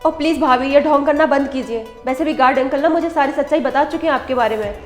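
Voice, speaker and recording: An actress playing an indignant young sister-in-law in a scripted short drama. She speaks in a quick, scolding way. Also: sits high, roomy sound, long reverb tail, faint music behind, close to an everyday voice.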